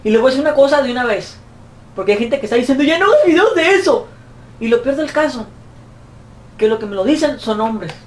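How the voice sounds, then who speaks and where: A man's voice: fast, long pauses, a little mellow. A man with a Mexican accent, a YouTuber answering fan questions in a profane, mocking comic rant. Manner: profane, mocking, shrill put-on voices when quoting. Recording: roomy echo, distant mic, faint noise.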